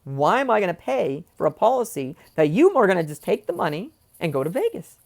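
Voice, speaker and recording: A man's voice: sits high, very animated, brisk, gravelly, darkish tone. A young man venting angrily in a personal vlog, swearing and going off on tangents. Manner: angry, swearing, goes off on tangents. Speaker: vlogger.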